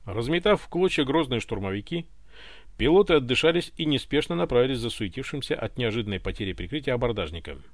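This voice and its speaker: A man narrating an audiobook with lively storytelling. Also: mid-range voice, fast talker, dry recording.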